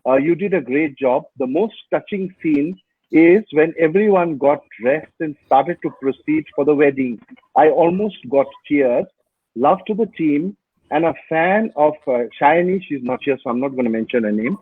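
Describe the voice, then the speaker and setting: A man's voice: on the high side, husky, no room sound. Male host, casual and teasing, slightly raised voice, phone-quality audio. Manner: chatty, teasing, halting fillers. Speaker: host reading viewer comments. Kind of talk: casual live interview. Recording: thin phone-like video call line.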